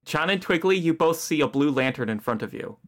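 A game master with a medium-pitched voice narrates a tabletop role-playing scene. The delivery is improvised and halting, with phrases repeated. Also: expressive.

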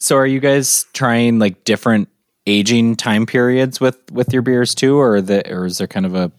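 A man interviewing a guest, asking halting questions with restarts. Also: mid-range voice, no echo, studio quality.

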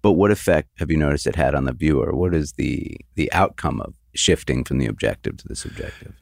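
A man with an animated, gravelly bass voice interviews an artist, asking careful questions that he frames at length. He sounds measured and attentive, and the recording is dry with clean studio sound.

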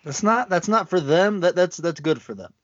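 A man's voice: high voice, expressive, moderate pace, a bit bright, lo-fi sound. A man co-hosting a podcast, chatting casually about football, laid-back and laughing easily, with frequent restarts. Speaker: podcast co-host. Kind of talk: casual sports chat.

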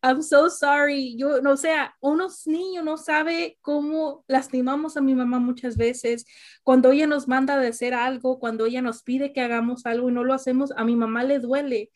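A woman's voice: high voice, normal speed. A young woman hosting a casual family chat, telling stories with animation and asking questions. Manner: animated storyteller, asks questions. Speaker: podcast host.

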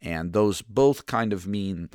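A man with a lowish voice teaches through scripture in a relaxed, conversational style. He thinks out loud, circles back to restart his phrases, and keeps checking in with listeners. The sound is close and dry, with no room around it. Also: slow, smooth, dry recording. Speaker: podcast host teaching through a Bible reading plan. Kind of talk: casual Bible teaching commentary.

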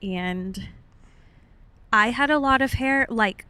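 On a dry recording, a young adult American woman co-hosting a podcast shares personal stories in casual chat, chatty and informal with playful made-up words. Her slightly high voice is pushed, bright, clear and resonant, and she takes things slowly.

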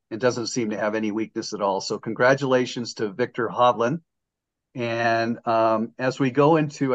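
An older man hosts a sports podcast in a loose, jokey, rambling way, restarting his sentences as he goes. His voice sits at a middling pitch, and the recording sounds a little dull and lo-fi. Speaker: podcast host. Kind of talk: casual sports podcast chat.

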